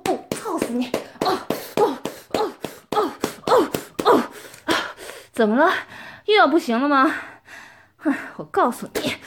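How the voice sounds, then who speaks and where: A woman playing a bossy possessive older schoolmate. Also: high-pitched. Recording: noisy recording with clicks.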